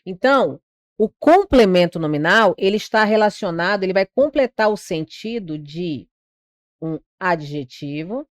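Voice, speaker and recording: A woman's voice: fairly low pitch, lively intonation, measured pace, dry recording. A Brazilian woman teaching grammar for exam prep, her voice recorded close and dry with no room sound. She explains patiently, poses questions to her students and stretches out words to mark their stressed syllables. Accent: Brazilian Portuguese. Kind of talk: online grammar lesson.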